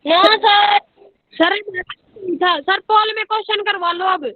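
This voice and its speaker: Very high-voiced girl student on a tinny line. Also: steady tone, slow. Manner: eager, calls out answers and requests. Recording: tinny phone-like call audio.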